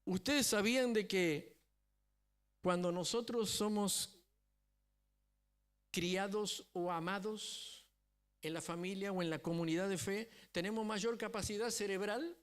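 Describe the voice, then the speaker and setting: Guy pastor giving a sermon, pretty high voice, keeps asking the crowd "right?". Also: a little slow, long pauses, fairly bright tone, clean tone. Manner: storytelling preacher who often asks the congregation for agreement. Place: church.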